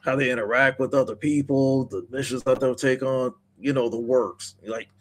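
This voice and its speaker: Man, mid pitch, halting, "like"-filled, casual podcast co-host. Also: steady tone. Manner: halting, searching for words, lots of "like".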